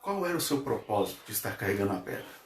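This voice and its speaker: A Brazilian man telling a church story, voicing a calm male teacher who gives plain commands and asks quiet questions. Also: fairly low pitch, fast talker, reverberant, voice pushed down. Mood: searching. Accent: Brazilian Portuguese.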